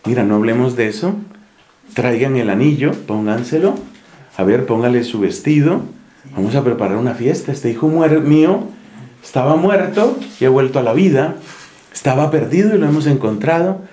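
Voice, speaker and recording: Un hombre con acento colombiano que da voz a Dios como un padre tierno que perdona, con tono suave y tranquilizador. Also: male voice, medium pitch, animated, normal speed, close to an everyday voice. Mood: tender. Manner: gentle, reassuring. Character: tender forgiving father, God. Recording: echoey room.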